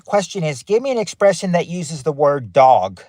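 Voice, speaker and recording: A man's voice: on the high side, very animated, moderate pace, a little mellow, no room sound. A man hosting a casual family game show on a livestream, reading out answers and greeting viewers by name from his parked car.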